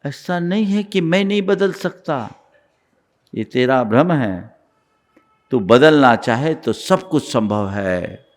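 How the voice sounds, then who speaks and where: A man preaching a sermon as a monk, emphatic, with rhythmic slogans and sudden drops to quiet. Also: mid-range voice, lively intonation, slow pace. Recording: long hall reverb.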